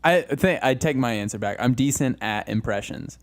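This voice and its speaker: A man's voice: mid-range voice, expressive, normal speed. A young man co-hosting a comedy podcast in casual chat, rambling and giggling with lots of restarts. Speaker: podcast co-host.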